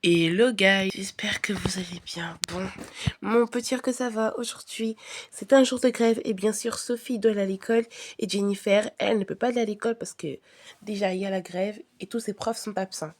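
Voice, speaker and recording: A woman's voice: mid-range voice, normal speed. A woman vlogger narrating a family role-play and speaking as the mother in a casual, chatty way.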